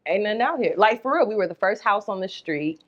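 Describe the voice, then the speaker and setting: Animated woman telling stories. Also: mid-range voice, fast, dull audio. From Atlanta, Georgia. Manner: animated storyteller, acts out quoted voices. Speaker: guest, radio personality. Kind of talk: casual interview storytelling.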